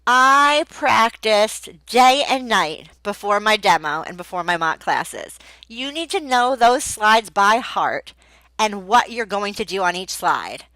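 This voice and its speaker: A woman's voice: mid-range voice, lively intonation, takes it slowly, sharp tone, no room sound, low-quality recording. A woman giving tips on teaching English online, emphatic and repeating key words for effect. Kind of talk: casual advice video.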